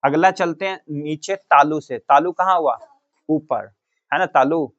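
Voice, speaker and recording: A male teacher from Bihar, India gives a grammar lesson in a coaching classroom, repeating the same question to students and answering it himself. His voice is fairly high, fairly bright and unhurried, and the recording sounds muffled.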